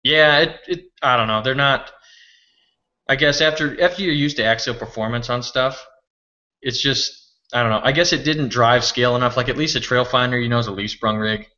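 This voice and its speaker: A man appears as a guest on a podcast, speaking in a bright, forceful voice. He hesitates and trails off, shrugging with "I don't know." The sound is muffled and lo-fi. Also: mid-range voice, fairly even intonation, fairly quick. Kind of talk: casual chat.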